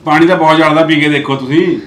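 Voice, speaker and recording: A man's voice: fairly high pitch, fairly even intonation, fast talker, a bit bright, roomy sound, natural voice. A man playing a flustered, exclaiming brother-in-law. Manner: exclaiming, bewildered, then apologetic. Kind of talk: amateur village short-film acting.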